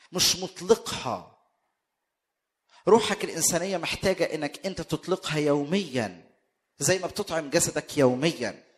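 Egyptian male preacher, raised pitch, emphatic sermon delivery with rhetorical questions. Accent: Egyptian Arabic. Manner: emphatic, rising to loud bursts, rhetorical questions.

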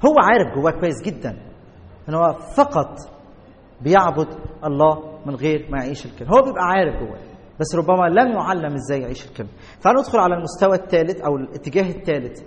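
A man with an Egyptian Arabic accent preaching a sermon as a pastor, emphatic and slowing down to stress key words. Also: a little high, sing-song. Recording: long reverb of a large hall.

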